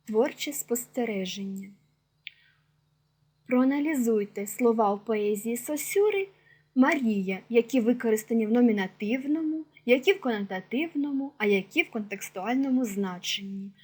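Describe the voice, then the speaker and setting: Husky woman narrating a language lesson. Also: a little high, animated, darkish tone. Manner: clear, measured explanatory delivery. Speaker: teacher. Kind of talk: scripted educational narration.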